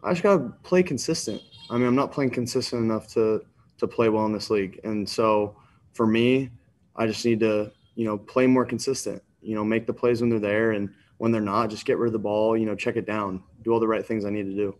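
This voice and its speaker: Young man, low flat voice, subdued, repeats stock phrases, postgame video press conference. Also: fairly quick. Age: 20s. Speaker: football quarterback. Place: indoors in front of a sponsor backdrop. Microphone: desk mic on a video call.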